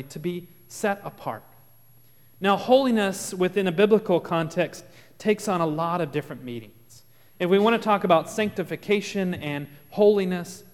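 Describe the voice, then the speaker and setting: Texan pastor preaching in a reverberant church. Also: male voice, high voice, a little mellow. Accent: Texas. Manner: earnest, explanatory, with dramatic pauses and shifts in volume. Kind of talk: sermon. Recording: long reverb of a large room.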